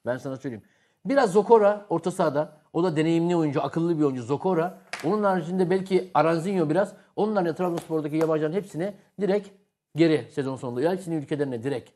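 Blunt, fast-talking male football pundit. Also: a little high, dark tone. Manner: blunt, emphatic and argumentative. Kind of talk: heated studio debate.

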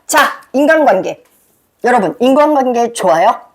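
Woman teacher, middle-aged, lively swooping pitch, raspy gravelly edge, emphatic scolding lecture. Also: normal speed. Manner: emphatic, scolding, rhetorical questions to students. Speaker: teacher giving advice to students. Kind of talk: direct lecture to the camera.

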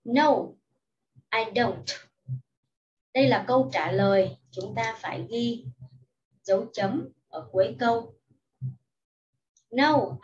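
Cô giáo giảng chậm rãi, giọng hơi cao. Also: female voice, a little high, far from the mic, highs cut off. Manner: patient, explains each sentence in Vietnamese after English. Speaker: primary school English teacher. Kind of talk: slow, careful lesson for young children.

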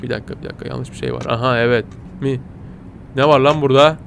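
A man giving playful, excitable let's-play commentary, chatting to his viewers and yelping at every surprise. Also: mid-range voice, fast talker, vocal fry, a little hiss or hum. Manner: excitable, yelps and squeals at surprises, talks to viewers as "kitties". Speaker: gaming channel host.

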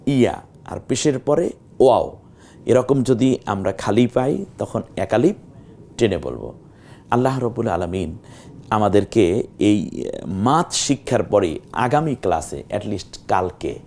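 A middle-aged man with a low, mellow voice leads a recorded Quran reading lesson. He stretches out example words slowly to demonstrate their length. He poses questions to himself and answers them in a patient teaching manner. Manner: drawn-out demonstrations of recitation; asks and answers his own questions.

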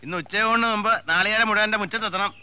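A middle-aged actor playing a bossy male landowner who gives hurried orders in a 1980s film. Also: high-pitched, pushed and bright, smooth. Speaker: landowner overseeing a coconut harvest.

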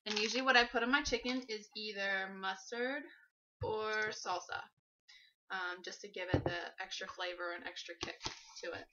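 Moving around her home kitchen, a fitness vlogger in her twenties casually demonstrates something for a how-to vlog, chatty and practical throughout. She has a mid-range voice, and there's background noise; a camera mic across the room captures dull lo-fi audio.

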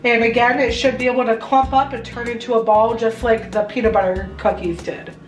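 This home baking vlogger, a young adult American woman, talks at a fairly quick pace in a voice on the high side with fairly even intonation. She explains a recipe step by step in a chatty, instructive manner. Faint music sits behind her, and her indoor home kitchen adds a roomy echo.

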